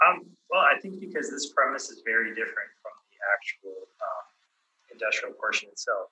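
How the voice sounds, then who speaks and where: A man testifying as a city assessor, heard over a remote call that breaks up, answering questions in a halting, hesitant way. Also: on the low side, very animated, pushed and bright, reverberant, rough recording. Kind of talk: testimony under cross-examination.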